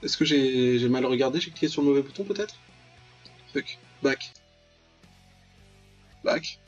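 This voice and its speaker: A man with a medium-pitched, slightly slow voice hosts a let's play, reading game text aloud and adding ironic commentary with plenty of interjections. His mic sounds dull and lo-fi, with game music in the background.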